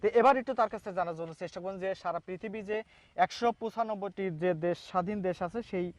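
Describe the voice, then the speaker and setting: A man from Bangladesh hosts a local news interview and talks quickly, with a fairly high voice. He is halting and repetitive, restarting his sentences and filling the gaps with hesitations. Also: no echo. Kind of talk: on-camera interview with a timed demonstration.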